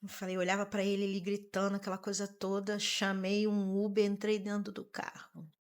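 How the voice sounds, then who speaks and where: A woman, a massage therapist and mother, telling her painful story as a podcast guest, earnest and halting, often repeating her words. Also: mid-range voice, completely flat delivery, smooth. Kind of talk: emotional personal testimony.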